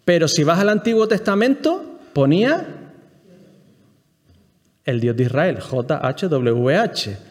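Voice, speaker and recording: A man's voice: on the high side, big pitch swings, takes it slowly, pauses often, a little mellow, in a large hall. A man with a Spain Spanish accent teaching a Bible class, explaining step by step and often checking in with the listeners and asking them questions. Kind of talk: Bible class lecture to a group.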